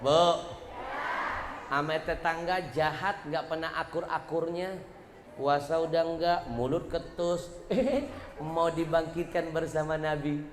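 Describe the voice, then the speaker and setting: A man's voice: a little high, level tone, slow pace. A man preaching a sermon in a mosque, teasing and joking with the women in the audience as he talks to them directly. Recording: echoey mosque hall with loud background noise.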